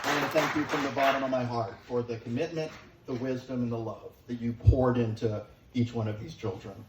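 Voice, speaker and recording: A middle-aged man giving a father of the bride wedding speech, sincere and affectionate, with deliberate pauses for the guests. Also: medium pitch, steady tone. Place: large room at a wedding reception, guests present. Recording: echoey, noisy room, distant microphone.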